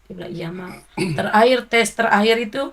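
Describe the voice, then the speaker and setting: A middle-aged woman, softly and reflectively telling an interviewer about her late son. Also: mid-range voice, fairly quick, vocal fry. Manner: soft, grieving, reflective storytelling. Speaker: interviewee, mother of a fallen soldier. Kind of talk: emotional interview recollection.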